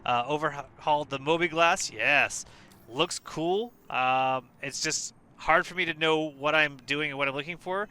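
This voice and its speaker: A tired man casually walking through a game update, relaxed and hesitant, with many fillers and restarts. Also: a little high, unhurried, clean tone. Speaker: gaming video creator. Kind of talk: casual gameplay walkthrough.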